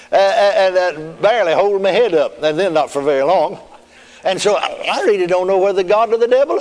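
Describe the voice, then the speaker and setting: A man preaches in a folksy, storytelling way, rambling through colloquial asides. His voice is fairly high and rings with the long reverb of a hall. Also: a little mellow. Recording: archive sermon in a reverberant hall.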